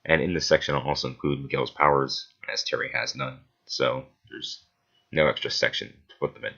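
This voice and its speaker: A man's voice: rumbling low, fairly even intonation, fairly quick, sharp tone, dull audio. A man giving analytical commentary in a methodical, matter-of-fact way with casual asides, on a close voice-over mic. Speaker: video essayist debunking a versus match-up.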